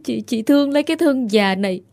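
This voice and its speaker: A woman's voice: a little high, animated, fast, vocal fry, darkish tone. A woman voicing a poor old village mother who begs tearfully for her son. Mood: desperate pleading. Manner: tearful, begging.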